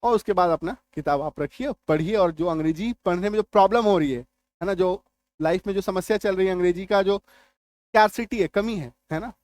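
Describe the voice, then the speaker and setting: A man's voice: high voice, a little fast, darkish tone. A man giving a spoken English spelling lesson, drilling words aloud and checking whether his students understand. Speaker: English teacher.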